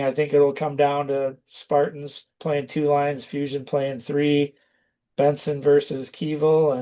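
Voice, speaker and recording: A man's voice: fairly high pitch, dark tone. Man talking hockey casually. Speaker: sports commentator. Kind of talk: casual sports talk preview.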